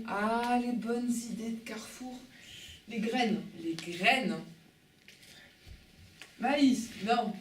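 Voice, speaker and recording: A woman improvising a shopper who mutters complaints to herself in a theatre scene. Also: a little high. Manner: mutters and complains under her breath. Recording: echoey room with faint noise.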